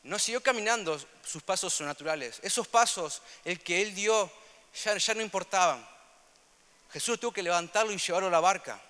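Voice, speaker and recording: Young man, Rioplatense accent, preaching; high, sharp voice with a long reverb tail. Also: fairly quick. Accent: Rioplatense Spanish. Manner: earnest, repetitive, swings between loud emphasis and soft asides. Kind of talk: sermon.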